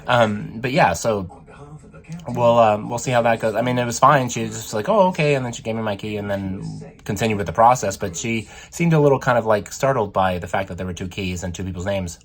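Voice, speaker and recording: A man's voice: fairly low pitch, fairly quick. A slightly out-of-breath man vlogging casually from a ship cabin, rambling with many ums. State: a little out of breath. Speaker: travel vlogger. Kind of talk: casual vlog to camera.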